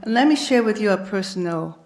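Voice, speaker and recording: At a conference hall, a hesitant academic woman from Hong Kong gives panel remarks, with stammering restarts. Her medium-pitched voice is animated, fairly quick and a little mellow.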